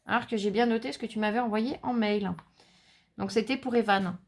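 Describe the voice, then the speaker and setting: A woman's voice: fairly high pitch, fairly even intonation, a little fast. A woman hosting a casual crafting tutorial, chatting to viewers with many fillers and asides while she works. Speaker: craft channel host.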